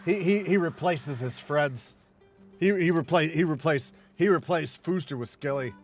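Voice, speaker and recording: A man's voice: a little high, normal speed, soft background music. Man cursing through casual gaming chat. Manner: profane, rambling, many restarts. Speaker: gamer chatting with a friend.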